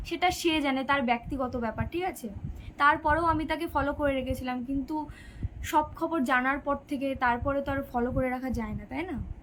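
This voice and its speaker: High-voiced teenage girl on a live stream. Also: normal speed, fairly bright tone, slight background noise, rough recording. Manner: chatty, reads out and answers viewer questions. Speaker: live streamer answering viewer comments. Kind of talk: casual live-stream chat.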